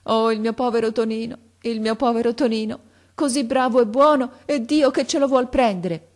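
A woman's voice: a little high, normal speed, darkish tone, pitched above the performer's own voice, close to an everyday voice. A woman voicing a mother wailing over her dying son. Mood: sobbing. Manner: wailing, broken. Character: sobbing mother of a dying boy.

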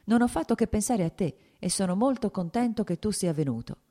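A woman voicing Stepan, a cheerful, worldly middle-aged gentleman, in an audiobook reading, sounding breezy and confident. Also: medium pitch, lively intonation, fairly quick, pitched above the performer's own voice, close to an everyday voice.

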